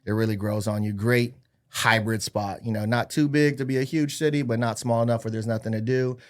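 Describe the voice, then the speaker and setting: A Hawaii-born real estate agent in his thirties, raised in California and Arizona, chats casually as a podcast guest. He speaks fairly quickly in a mid-range voice with fairly even intonation, telling his life story in a joking, upbeat, self-deprecating manner.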